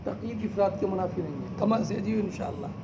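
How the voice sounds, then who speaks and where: A man teaching a class, explaining slowly term by term, asking his students question after question and calling them "beta". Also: sits high, dull audio, background noise. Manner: quizzes students with repeated questions; addresses listeners as "beta". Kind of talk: classroom lecture.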